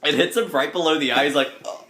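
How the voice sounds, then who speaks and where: A man narrating as game master of a tabletop game, animated and giggly, with many filler words. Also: fairly high pitch, quick pace, a little hiss or hum.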